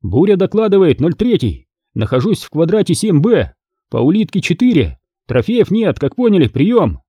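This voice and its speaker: A man's voice: high-pitched, big pitch swings, moderate pace, mellow, slightly rough, no room sound, clean studio sound, voice pushed up, full character voice. A man reading an audiobook, voicing a tense young lieutenant giving clipped military reports over a crackling radio. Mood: urgent. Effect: distant radio with crackle.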